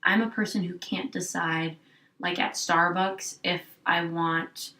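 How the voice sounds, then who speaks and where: A twenties-aged woman, a guest in a candid interview, rambles reflectively as she thinks aloud, saying "like" a lot. Her voice sits on the low side, steady and sharp in tone, and she speaks slowly. She's recorded from a distance in an echoey room, a little off-mic.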